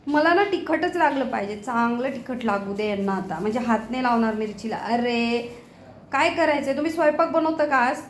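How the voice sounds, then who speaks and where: A woman's voice: a little high, normal speed, roomy sound, slight background noise. A woman talking to her pets in a home kitchen, scolding them fondly in exasperated baby talk. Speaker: pet owner filming her cats. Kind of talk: casual home video chatter to pets.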